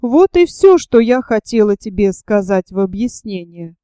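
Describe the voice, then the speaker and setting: A woman reading the part of a proud, stern aristocratic older lady who speaks in a measured, coldly formal way in an audiobook. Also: medium pitch, sing-song, dark tone, smooth, no room sound, studio quality, lightly acted. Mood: cold haughty.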